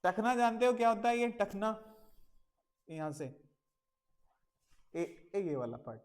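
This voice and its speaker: A man's voice: high voice, sing-song, a little slow, a little mellow. A male teacher giving a children's English lesson, patiently repeating words and spelling them out letter by letter, mixing Hindi with simple English phrases.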